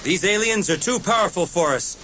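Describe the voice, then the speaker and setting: A man's voice: high-pitched, lively intonation, brisk, bright, forceful tone, slight background noise, voice pushed up. A man voicing a noble male superhero in a raised, earnest heroic tone in an audiobook. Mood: solemn. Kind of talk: audiobook character voice.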